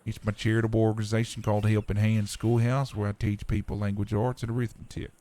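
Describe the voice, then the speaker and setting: A man's voice: fairly low pitch, flat delivery, fast talker, dark tone, natural voice. A man playing an earnest, folksy frontier preacher and schoolteacher in a live roleplay. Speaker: roleplay streamer.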